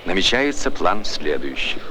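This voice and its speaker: A man's voice: low-pitched, big pitch swings, normal speed, over a noisy crowd, poor audio. A man giving formal, declamatory announcer narration in the style of an old newsreel. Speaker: documentary narrator. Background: music score.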